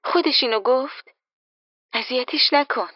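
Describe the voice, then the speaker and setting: A woman's voice: fairly high pitch, no echo, highs cut off, pitched above the performer's own voice, natural voice. A woman voicing a nosy, worried young friend in an audiobook, asking insistent anxious questions. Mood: teasing. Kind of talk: audiobook character voice.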